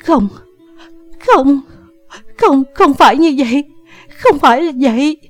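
A woman's voice: high voice, lively intonation, slow, no room sound, faint music behind, voice pushed up. A woman voicing a feverish, grief-stricken teenager who sobs, screams and pleads in an audiobook. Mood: anguished. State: crying. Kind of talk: audiobook character voice.

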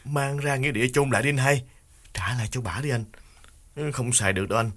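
A man's voice: fairly low pitch, moderate pace, lightly acted. A male narrator voicing a frightened young man who begs his older brother in a shaky, half-whispered voice. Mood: frightened, pleading. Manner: trembling, pleading, half-whispered.

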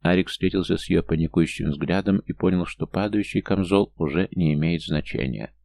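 Male audiobook narrator, deep and gravelly, mellow dark tone. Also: normal speed. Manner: reads every character's lines himself, lifting his pitch for younger or smaller figures. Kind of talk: scripted fantasy narration.

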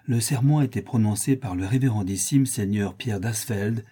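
A man narrating a classic novel as an audiobook in a measured, solemn manner. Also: fairly low pitch, dark tone, slightly rough.

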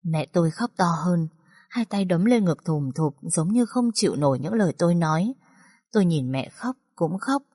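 A woman's voice: on the low side, lively intonation, moderate pace, dark tone, breathy edge, no echo, clean studio sound. A woman narrating a first-person audio story in a somber, emotional manner.

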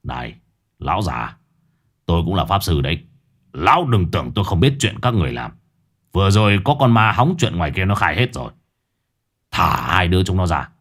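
A man voicing a big, tattooed middle-aged male exorcist who talks gruffly and threateningly. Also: sits low, sing-song, brisk, pauses often, fairly bright tone, pitched below the performer's own voice, exaggerated voice.

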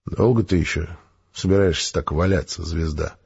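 A man playing a gruff, dryly teasing male space major. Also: low voice, moderate pace, a little mellow, dull audio, pitched below the performer's own voice, full character voice.

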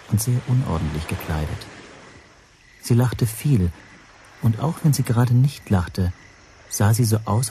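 In this radio drama role, the actor's lowish, mellow voice carries a bit of hiss or hum. He portrays a watchful language teacher who narrates his tale with measured, dry description.

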